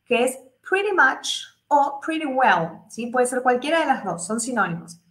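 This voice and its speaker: A woman teaching English in a live class, explaining step by step, checking in with her students constantly and voicing the example sentences higher. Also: animated, a little slow, a bit bright, roomy sound. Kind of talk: live online English lesson.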